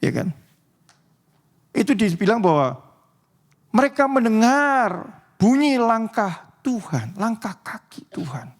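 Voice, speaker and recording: A man preaching a casual sermon in church, joking with the congregation and often asking them to agree, sometimes dropping to a near whisper for dramatic moments. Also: high-pitched. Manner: chatty, joking, often asks the congregation "betul ya?".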